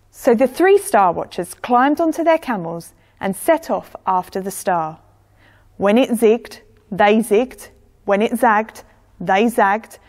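Slow, expressive woman telling a story. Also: a little high. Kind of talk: storytelling for children. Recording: echoey church hall.

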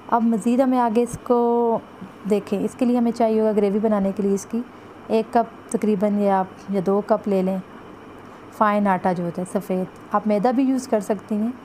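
A Pakistani woman with a dark-toned, mid-range voice vlogs a recipe step by step from her home kitchen, pointing to the pot as she cooks. Chatty throughout, she repeats "jo hai" and "ye dekhein," and the low-quality recording has slight background noise.

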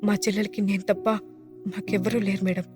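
A woman's voice: medium pitch, flat delivery, brisk, music in the background, close to an everyday voice. A woman voicing a distraught young man worried for his sister, pleading near tears.

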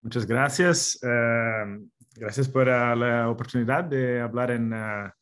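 A man in his thirties who is not a native Spanish speaker lectures academically over a video call, with a foreign accent and a halting, word-searching manner. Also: medium pitch, fairly even intonation, fairly bright tone. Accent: non-native Spanish. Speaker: guest lecturer, mathematics professor. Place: indoor room, video call.

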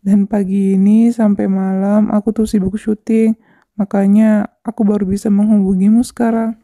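A woman voicing a kind young man who speaks calmly and steadily and apologizes gently, in a fan-dubbed game drama. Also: medium pitch, moderate pace, no room sound, studio quality, close to an everyday voice. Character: kind young man, attentive boyfriend type.

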